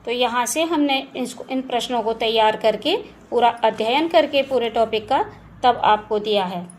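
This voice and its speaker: In a lesson recorded at her home next to a railway track, a woman with an on-the-high-side voice and moderate pace goes through Hindi grammar answers for exam preparation. She patiently sounds out words one sound at a time, while faint household noise and occasional trains are heard.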